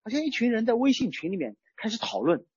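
Husky, lively conversational preacher. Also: mid-range voice, fast, no room sound, highs cut off. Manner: conversational, uses everyday chat-group analogies. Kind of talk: sermon on a psalm.

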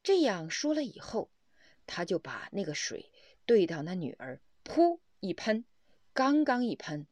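A woman reading a Buddhist story aloud, animated and full of exclamations. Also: medium pitch, a little slow, no room sound. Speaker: reader of a Buddhist text.

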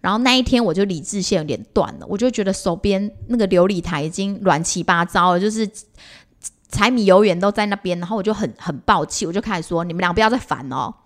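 A woman's voice: mid-range voice, fast talker. A mother, co-hosting a casual chat and recounting family moments with lots of restarts. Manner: animated, lots of fillers and restarts. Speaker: podcast co-host and mother.

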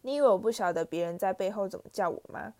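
A woman's voice: mid-range voice, quick pace, a little mellow, no room sound, natural voice. A woman voicing a sulky, tearful teenage girl ghost in a storybook reading. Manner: sullen, tearful.

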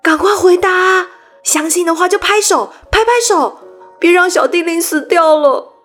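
A woman voicing a brave, eager young boy hero in a storybook reading, with soft music behind. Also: mid-range voice, unhurried, slightly rough. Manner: bright, excited, calling out.

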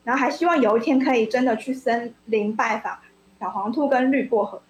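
A woman reading a children's story aloud on the radio, expressive and lively, then discussing it as a guest. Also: on the high side, fairly quick, roomy sound, slight background noise, rough recording. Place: radio studio.

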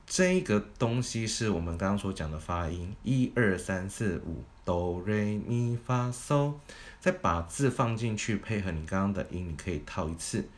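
A man's voice: sits low, normal speed, few pauses. A man teaching a singing lesson, explaining vocal technique methodically, step by step. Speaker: vocal coach.

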